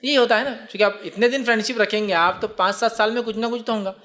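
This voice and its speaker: A man's voice: sits high, fairly even intonation, fast, sharp tone, soft background music. A man answering a religious question, explaining patiently and asking and answering his own rhetorical questions. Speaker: Islamic speaker. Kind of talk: religious Q&A talk.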